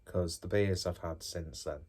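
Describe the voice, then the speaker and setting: Male reviewer, fairly low voice, informal and musing, talking viewers through a tasting with self-deprecating asides. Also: steady tone, measured pace, darkish tone. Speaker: beer reviewer, host.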